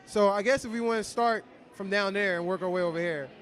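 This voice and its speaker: Excitable, high-voiced male co-host. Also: quick pace, some chatter behind. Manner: excitable, laughs often, stumbling restarts. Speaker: co-host, interviewer. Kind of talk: casual interview chat. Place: outdoors at a fan convention.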